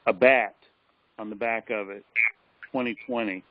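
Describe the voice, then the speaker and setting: A tired man on a phone call, reporting on a meeting in a flat, hesitant way with many fillers. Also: medium pitch, unhurried, no echo. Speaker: caller giving a meeting report. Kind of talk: casual chat. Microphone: telephone. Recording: dull phone line.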